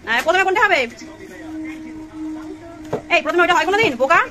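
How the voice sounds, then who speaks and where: A woman's voice: very high voice, fast talker, noisy background. A woman at home playfully coaxing her toddler in sing-song baby talk. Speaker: mother playing with her toddler.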